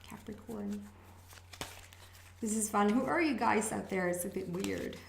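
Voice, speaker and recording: Hosting her channel, a Swedish woman with a Swedish accent does a casual intuitive astrology reading to camera in a medium-pitched, gravelly voice. She muses hesitantly, stopping to sense messages. The echoey room carries slight background noise.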